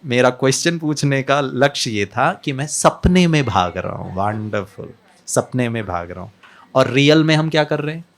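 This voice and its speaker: Gravelly man giving a lively talk. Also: medium pitch, normal speed. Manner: mixes Hindi and English, asks the audience questions, acts out scenes. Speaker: spiritual speaker. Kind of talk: lively motivational talk to an audience.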